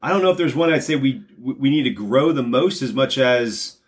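Rambling chatty man, church elder. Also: mid-range voice. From North Jersey, USA. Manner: rambling, self-deprecating, quick to laugh. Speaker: church elder, podcast co-host. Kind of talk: casual chat.

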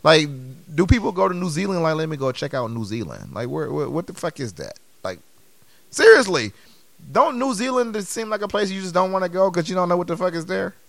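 Gravelly, animated podcast co-host. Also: male voice, high-pitched, brisk, dry recording. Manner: animated, rhetorical questioning. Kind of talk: casual podcast banter.

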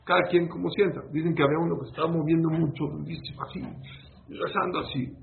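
A man's voice: on the high side, steady tone, quick pace, vocal fry. A man giving an informal religious lesson to a small group, telling stories and answering questions as he goes. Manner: conversational, storytelling, answers listeners' questions. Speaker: rabbi teaching a class. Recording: tinny phone-like sound with faint noise.

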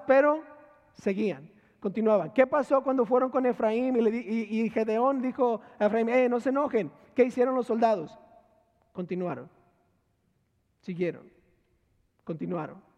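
A man's voice: high voice, a little mellow. A man preaching a sermon as pastor, asking his listeners repeated rhetorical questions and repeating key words. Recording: echoey hall, dull lo-fi sound.

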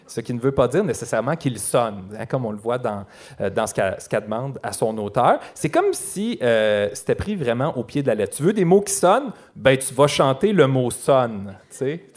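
Un homme à l'accent québécois anime un balado en direct devant public, avec un ton joueur et des jeux de mots. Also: male voice, medium pitch, darkish tone. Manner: playful, joking wordplay, frequent laughs. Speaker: podcast host. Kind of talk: live comedy podcast commentary. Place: live show in a concert hall.

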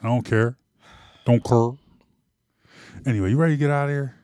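A man's voice: medium pitch, rapid-fire, darkish tone, clean tone, dry recording, studio quality. A man hosting a casual sports podcast from his home man cave, playful and rambling, repeating words, a little tipsy. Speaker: podcast host.

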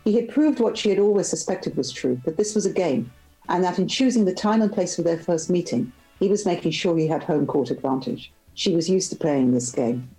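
A woman author reading a passage of her novel aloud in measured narration. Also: on the low side, lively intonation, mellow, faint music behind, poor audio.

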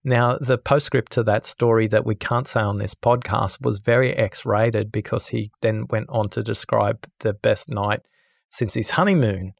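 A man who is a guest on a podcast, telling a story with lively energy and acting out the people in it. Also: on the low side, unhurried, creaky, dry recording, clean studio sound. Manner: lively, acts out the people in his stories. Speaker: podcast guest, listening expert. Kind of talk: animated storytelling in conversation.

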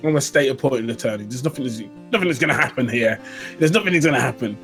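A man voicing a weary male Care Bear lawyer who flatly refuses to help, in a comedy podcast. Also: mid-range voice, quick pace, faint music behind, voice pushed down. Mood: dismissive.

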